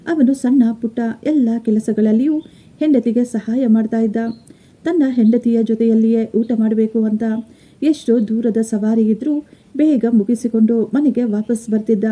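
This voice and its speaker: A woman reading a scripted moral story as narrator, in a steady, emotive manner. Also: fairly high pitch.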